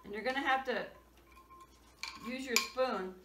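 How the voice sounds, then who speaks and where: Speaking a little high and in no hurry, the woman in her sixties explains her home cooking one plain step at a time. It's a casual demonstration caught by a camera far across the kitchen, with heavy noise and echo.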